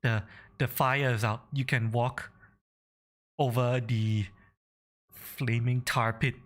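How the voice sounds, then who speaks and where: Guy game mastering a tabletop rpg, slow and halting, thinking out loud, medium pitch. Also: fairly even intonation. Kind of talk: improvised tabletop game narration.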